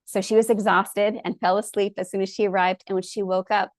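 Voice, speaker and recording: A woman's voice: mid-range voice, flat delivery, a little fast, no room sound. A woman presenter telling stories in a lecture, earnest and openly enthusiastic about the people she describes. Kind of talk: storytelling lecture.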